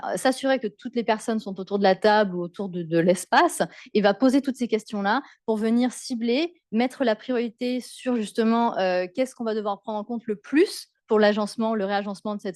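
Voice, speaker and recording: A woman's voice: medium pitch, a little mellow, dry recording, studio quality. A woman presenting at a conference in an informal, explanatory way, often repeating words as she goes.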